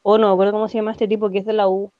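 A woman's voice: mid-range voice, level tone, very fast, dry recording, muffled recording. A young woman with a Chilean accent chatting casually as a podcast co-host, telling stories animatedly and acting out her own quotes. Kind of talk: casual chat.

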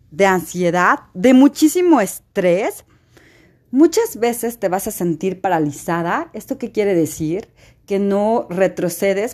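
A woman self-help coach giving an emphatic motivational talk, full of rhetorical questions. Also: fairly high pitch.

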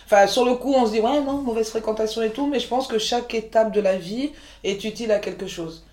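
A woman's voice: on the high side, fairly quick, darkish tone. Guest: forties woman from the Ivory Coast, frank and rambling, recorded in an echoey room. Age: 40s. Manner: frank, rambling, many restarts and fillers. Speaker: guest, chef and entrepreneur. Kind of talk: candid conversational interview.

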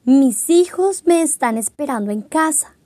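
A man reading a storybook aloud, voicing a kind, motherly female bear who speaks gently. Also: extremely high pitch, lively intonation, measured pace, no room sound, voice pushed up. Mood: inviting. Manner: gentle, warm, playful.

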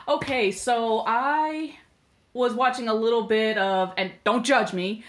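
A podcast co-host with a fairly high, steady voice talks slowly in a casual chat. She tends to ramble, dropping in fillers and restarting her sentences.

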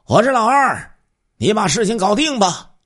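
Brief: man playing a threatening thin robber in a crime story, raised husky voice. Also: medium pitch, wildly swooping pitch, moderate pace, fairly bright tone, pitched above the performer's own voice, exaggerated voice. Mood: menacing.

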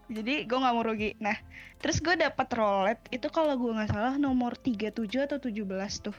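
A woman, chatting casually as a podcast co-host and telling an animated story. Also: fairly high pitch, a little fast. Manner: animated, storytelling, quotes people. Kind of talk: casual chat. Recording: dull lo-fi with faint music.

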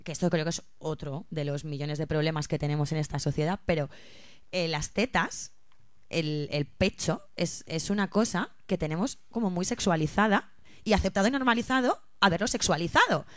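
A podcast co-host speaks in a fairly low, female voice at a normal pace, recorded dry. She thinks aloud in casual chat, restarting and hesitating often.

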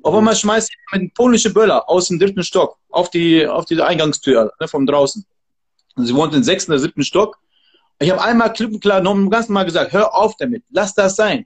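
High-voiced, emphatic martial arts trainer. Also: male voice, brisk, breathy edge. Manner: emphatic, motivational, preachy. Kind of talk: casual interview talk.

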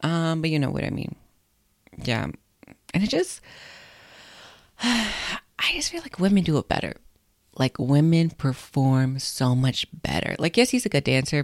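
A woman's voice: low-pitched, no room sound. Chatty young woman podcaster, dry sound. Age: young adult. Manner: chatty, blunt, swears freely. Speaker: podcast host. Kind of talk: casual solo podcast chat.

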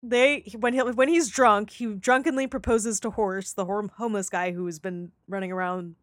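A woman's voice: medium pitch, no room sound, studio quality. A young woman in casual chat, talking through a show's plot, acting out the characters' lines and laughing often. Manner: animated, acts out characters' lines in quick voices, laughs often. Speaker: podcast co-host discussing a TV series.

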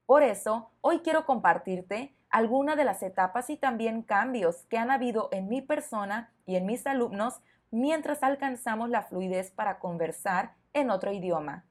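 A woman hosting a podcast lesson for learners, speaking clearly and encouragingly to the listener. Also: a little high, animated, normal speed. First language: Spanish. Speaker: Spanish teacher, podcast host.

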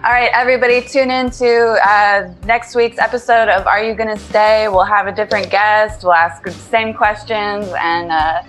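A woman's voice: mid-range voice, steady tone, moderate pace, hardly any pauses, a bit bright, rough recording. Upbeat lady podcast host, laughs a lot, faint music underneath. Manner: upbeat, encouraging, laughs often. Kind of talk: casual interview chat.

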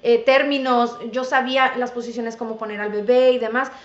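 A woman's voice: fairly high pitch, little pitch movement, moderate pace. Lady guest telling her faith story earnestly, kinda roomy lo-fi audio. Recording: roomy, dull lo-fi sound.

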